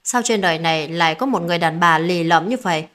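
A woman's voice: on the low side, fast talker, a bit bright. A woman telling a first-person family drama story in a dramatic reading style. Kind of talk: scripted narration.

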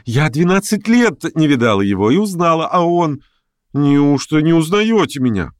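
A man reading an audiobook voices a lively, bold young woman calling out merrily from horseback. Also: a little high, normal speed, no room sound, studio quality, voice pushed up. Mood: merry.

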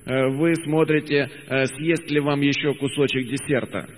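A man's voice: on the high side, fairly even intonation, moderate pace, in a large hall, rough recording. A man interpreting a motivational talk phrase by phrase, hesitant, with frequent filler sounds and self-corrections. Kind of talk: consecutive interpretation.

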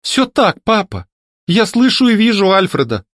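A man's voice: high voice, very animated, normal speed, a bit bright, no room sound, studio quality, voice pushed up. A man voicing a frightened young noblewoman on the edge of tears. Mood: timid. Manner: weepy, trembling.

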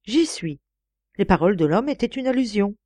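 A woman voicing a touchy old male police agent who talks gruffly and exclaims often. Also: mid-range voice, animated, dark tone, no echo, close to an everyday voice. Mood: astonished. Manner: gruff, exclamatory, quick to take offence.

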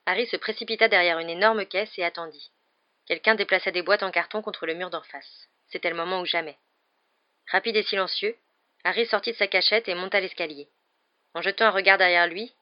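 A woman reading an audiobook in an even, measured storytelling manner, in a dull lo-fi recording. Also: lowish voice. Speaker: audiobook reader. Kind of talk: audiobook narration.

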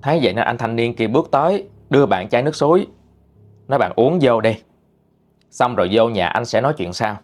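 A man narrating a ghost story in a conversational, expressive way. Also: mid-range voice, a little fast.

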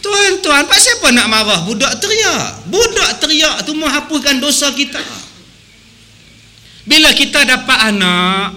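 A man preaching a humorous sermon, animated and acting out voices as he goes. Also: very high voice. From Malaysia. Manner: animated, sings song snippets and acts out voices.

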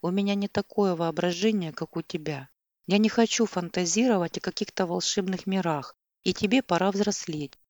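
A woman's voice: fairly low pitch, moderate pace, a little mellow, no echo, lightly acted. A woman voicing a sleepy, irritated young man who answers dismissively and with exasperation, in an audiobook. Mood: exasperated.

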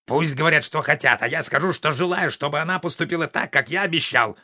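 A man's voice: on the high side, fast talker, bright, forceful tone, no room sound, studio quality. A man voicing a grumpy, bossy older invalid father in a play reading, blustering and irritable. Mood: stubborn.

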